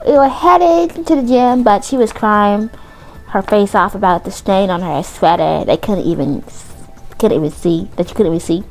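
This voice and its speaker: A woman's voice: medium pitch, moderate pace, darkish tone, soft background music, close to an everyday voice. A woman voicing a teenage boy football player in a mock Southern accent, casual and backpedaling as he answers questions. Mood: defensive.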